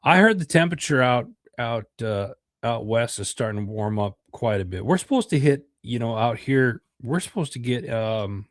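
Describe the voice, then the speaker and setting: Though congested from a cold, this middle-aged American podcast host sounds animated on his livestream, speaking at normal speed in a medium-pitched voice. His chat rambles, with plenty of fillers and repeated words. The studio sound is clean, with no echo.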